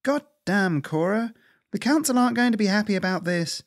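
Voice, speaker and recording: A man's voice: high-pitched, expressive, brisk, pitched above the performer's own voice. A man doing a snappish older squirrel lady. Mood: exasperated. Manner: snappish, scolding. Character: sharp-tongued older female squirrel adventurer.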